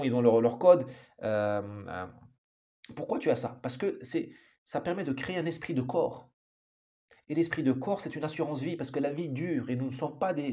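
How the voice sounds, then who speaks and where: A man's voice: on the high side, dark tone, highs cut off. A man giving an opinionated monologue as an author, emphatic and full of restarts and repeated words. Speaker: author commenting on society.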